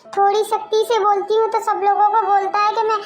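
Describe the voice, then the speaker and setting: A shrill, very high-voiced older aunt played by a woman who scolds and orders everyone around. She is stern on the surface and caring underneath, in a domestic family drama. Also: flat delivery, fairly quick, soft background music. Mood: aggrieved. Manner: scolding, domineering.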